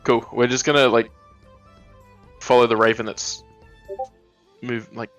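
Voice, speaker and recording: A man with a mid-range voice plays a tabletop game. He talks casually in halting bursts, working out moves aloud. Faint music plays behind him. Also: mid-range voice, flat delivery, a bit bright. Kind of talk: casual chat.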